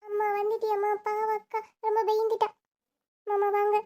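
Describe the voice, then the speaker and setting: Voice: very high-pitched, completely flat delivery, moderate pace, dark tone. A child playing an emotional younger sister waiting for her elder sister's baby. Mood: excited. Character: younger sister Radhika, tearful teenage girl.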